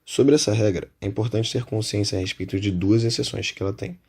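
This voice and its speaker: A man with a Brazilian Portuguese accent teaching an English grammar lesson, spelling out examples in a measured way. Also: lowish voice, fairly even intonation, gravelly, a little mellow, breathy edge. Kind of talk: explanatory lesson.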